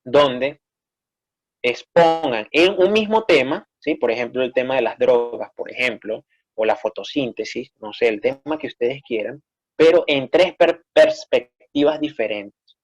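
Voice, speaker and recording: A man's voice: medium pitch, unhurried, dull audio. Peruvian man explaining a lesson. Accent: Peruvian Spanish. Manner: explanatory, frequent checking "¿sí?". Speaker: teacher. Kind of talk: online class instruction.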